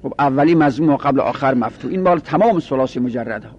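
A man's voice: medium pitch, expressive, a little mellow, husky, lo-fi sound. A man teaching a lesson, working through each rule step by step and repeating it. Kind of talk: lecturing on Arabic grammar.

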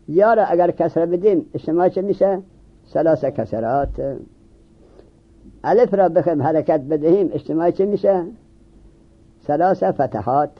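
A man teaching a seminary-style grammar class. His voice sits a little high, and he keeps asking questions and then answering them. The recording is muffled and lo-fi. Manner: questions students and answers himself. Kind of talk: classroom lecture on Arabic grammar. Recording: dull lo-fi recording.

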